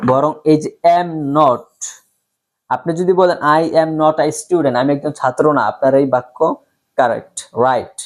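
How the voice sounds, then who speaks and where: A man teaching an English lesson in a slightly higher voice, going over each point patiently and repeating it. He says the example sentences very slowly and keeps checking that his students follow. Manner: slow, repetitive explaining with frequent check-ins.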